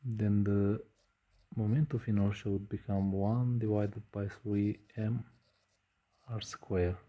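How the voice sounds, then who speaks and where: A man lectures on physics at a board, his voice low and very dark in tone. He speaks slowly and pauses often with hesitant fillers as he writes. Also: steady tone. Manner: slow, measured, frequent hesitations with uh. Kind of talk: whiteboard lecture.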